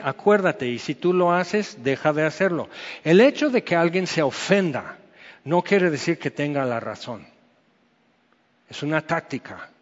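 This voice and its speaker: Chatty Mexican pastor in a reverberant hall. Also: male voice, on the high side. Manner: chatty, peppers speech with "o sea" and "¿ok?". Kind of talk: conversational sermon with storytelling. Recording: dull sound with long hall reverb.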